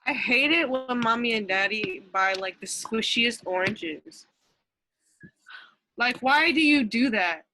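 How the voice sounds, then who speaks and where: A woman's voice: fairly high pitch, expressive, takes it slowly, background noise. A young woman co-hosting a podcast, chatting bluntly, complaining and swearing freely. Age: young adult. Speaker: podcast co-host. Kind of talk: casual chat.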